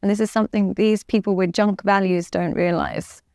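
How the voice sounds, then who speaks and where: Woman, relationship coach, from Dubai, assertive, smooth voice, dry close sound. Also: medium pitch, steady tone, moderate pace, a little mellow, dry recording. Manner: assertive, explanatory, repeats key words. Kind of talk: podcast interview.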